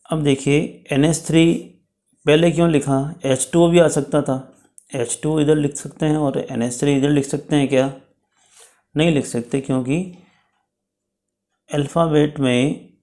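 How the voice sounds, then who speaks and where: Slow-talking male chemistry teacher. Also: on the high side, steady tone, dark tone. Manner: explains slowly, checks with "ठीक है". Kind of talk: slow step-by-step lecture.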